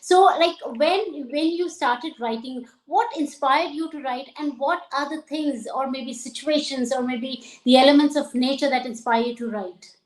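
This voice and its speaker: A woman's voice: sits high, normal speed, few pauses. A woman hosting an interview, affirming her guest and echoing his words back as he talks. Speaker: interview host. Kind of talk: casual conversational interview.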